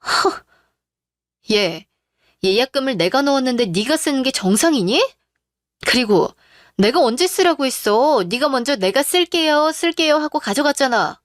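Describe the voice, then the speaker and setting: Cold, firm young business owner, a woman voicing her, slightly high pitch. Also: expressive, moderate pace, dry recording, clean studio sound. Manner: curt, scolding. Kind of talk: Korean radio drama.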